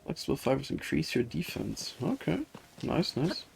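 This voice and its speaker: Speaking at a normal speed with an expressive, medium-pitched voice and some vocal fry, this streamer reads the game's lines aloud as they play. The running commentary is laid-back, dry and wry, with faint game music underneath.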